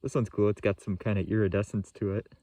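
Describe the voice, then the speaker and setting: A young vlogger's warm, lowish voice comes quickly and fairly evenly as he searches for rocks, keeping his commentary casual and unpretentious. Recorded on a phone at arm's length, either in a yard and rock field or inside a parked van, with no room sound.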